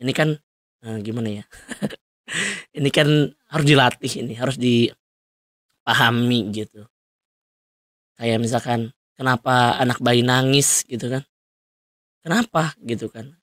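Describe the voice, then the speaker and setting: A man's voice: medium pitch, measured pace, pauses often, fairly bright tone, no echo, studio quality. A young man hosting a solo podcast, talking loosely and rambling with frequent fillers and laughs. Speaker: podcast host. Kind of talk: solo casual podcast monologue.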